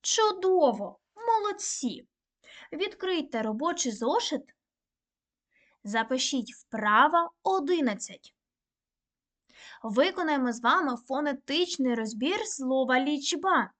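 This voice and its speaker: A woman teaching a recorded online primary-school lesson, dictating words slowly and clearly. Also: high-pitched, expressive, a bit bright. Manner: slow, clear, deliberate dictation.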